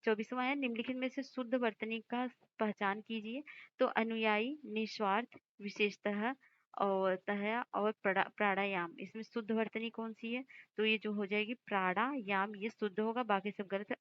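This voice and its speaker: A woman teacher going through exam questions, explaining each answer and slowly repeating words to stress their spelling. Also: mid-range voice, fairly even intonation, lo-fi sound. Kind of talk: exam-prep lesson.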